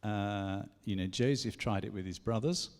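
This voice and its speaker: Low, gravelly male conference speaker, chatty and self-deprecating, in a church hall with a long echo. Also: moderate pace, darkish tone. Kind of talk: conference teaching talk.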